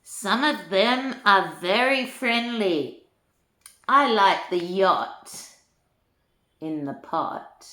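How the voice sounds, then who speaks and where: An older woman, a grandmother, reads rhymes from a children's book in an echoey room, her medium-pitched voice animated and sharp in tone. Her reading has an unhurried lilt, and she chats to the young listeners along the way.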